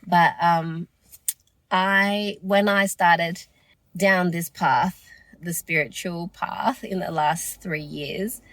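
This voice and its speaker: Her voice is lowish and a bit bright, recorded without any room sound. As host of her own podcast, she delivers a solo monologue while losing her voice, staying earnest, reflective and encouraging.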